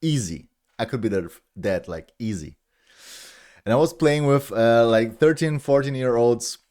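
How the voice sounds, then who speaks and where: An animated man in his thirties with a German accent chats with stream viewers at normal speed, his mid-range voice a little mellow. Rambling freely, he laughs at himself and restarts many times.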